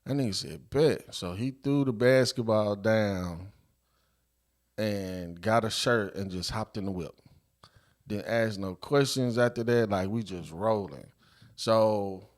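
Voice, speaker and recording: A man's voice: on the low side, measured pace. A man hosting a casual podcast, telling a story in a loose, laid-back way with plenty of slang. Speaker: podcast host.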